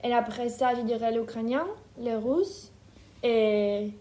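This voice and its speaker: A woman in her twenties from Ukraine, speaking French, answering interview questions thoughtfully with many pauses. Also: a little high, fairly even intonation, warm tone. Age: 20s. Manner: hesitant, thoughtful, many fillers. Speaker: interview guest. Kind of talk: casual interview.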